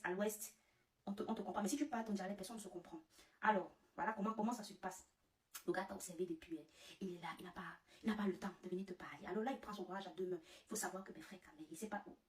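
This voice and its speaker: A woman telling a comic story as a vlogger, animated and laughing at her own tale. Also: mid-range voice, quick pace, distant mic. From Cameroon. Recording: roomy, away from the mic.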